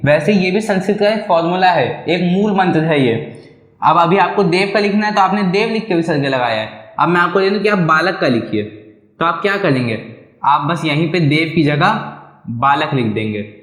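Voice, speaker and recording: Guy with a lucknow hindi accent teaching a class, a bit high voice, asks questions then answers them, roomy echo. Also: lively intonation, normal speed, fairly bright tone. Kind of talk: explaining a school lesson.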